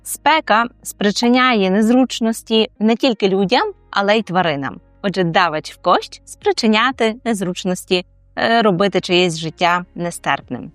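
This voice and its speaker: A woman in the middle of a language lesson, pausing to say each phrase slowly before explaining it. Her voice sits at an ordinary middle pitch. The recording is dry and close, with faint music behind her. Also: lively intonation, dry recording. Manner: slows down to repeat each phrase, then explains it. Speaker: Polish language teacher.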